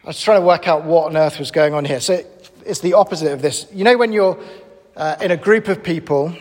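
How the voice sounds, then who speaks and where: A man preaching a sermon in an animated, conversational and emphatic way. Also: fairly high pitch, a little fast, big-room sound.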